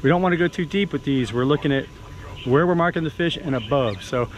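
A man's voice: fairly high pitch, fast. A man, hosting a casual fishing tutorial on a lake, chatty and easygoing. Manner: chatty, excitable when fish bite. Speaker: fishing channel host. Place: open boat on a lake, outdoors. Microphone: action camera on the boat. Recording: outdoor boat noise and wind.

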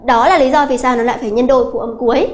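A woman with a high, light voice is teaching a grammar lesson for an exam-prep class. She explains step by step and repeats the key points slowly. Frequent hesitant fillers break up her sentences. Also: steady tone. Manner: slow, repetitive explaining with many filler "à" sounds. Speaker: English teacher.

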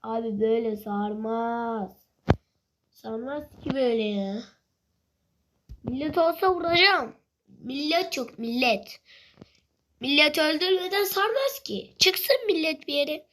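This gamer's high voice moves slowly, with long pauses, while she grumbles impatiently through her casual play commentary. She says things more than once and yells with excitement when combat begins.

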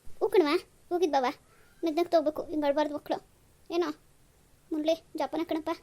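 A woman's voice: high voice, steady tone, fast talker, warm tone, natural voice. A woman doing a proud old landlord father. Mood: fatherly. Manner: earnest, fatherly.

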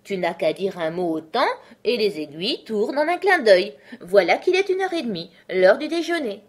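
A woman voicing the mad male Hatter in a storybook reading, speaking high, loud and scornful. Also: sing-song, moderate pace. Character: mad male Hatter, rude, fussy and contrary.

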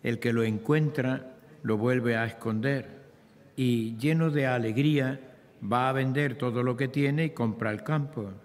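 A man of ordinary pitch, a priest, proclaims the Gospel very slowly and deliberately. The long echo of a large shrine chapel hangs after each phrase, giving every word a ceremonial weight. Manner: unhurried, solemn reading. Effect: long cathedral-like reverb. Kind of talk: liturgical Gospel reading. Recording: echoey shrine chapel reverb.

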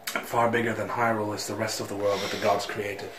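A man voicing a solemn grown man from a village, reading game dialogue in a hushed, slow way, recorded on a phone camera in a room. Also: on the low side, level tone, reverberant, background noise, voice pushed down, close to an everyday voice.

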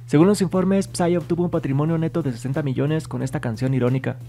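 A man reading scripted entertainment news in Spanish-language narration with an even, read-aloud delivery. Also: on the high side, fast, vocal fry. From Spanish-speaking.

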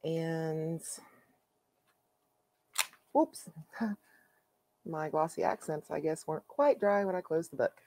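A woman hosting her own coloring channel, chatting casually and haltingly with plenty of fillers as she shows her finished pages. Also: deep voice, warm tone, a little hiss or hum. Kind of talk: casual show-and-tell.

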